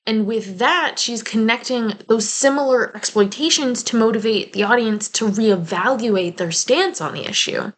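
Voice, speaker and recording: A woman's voice: fairly high pitch, normal speed, few pauses. A young woman from New Jersey giving a casual video essay commentary, chatty and prone to playful asides. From New Jersey, United States.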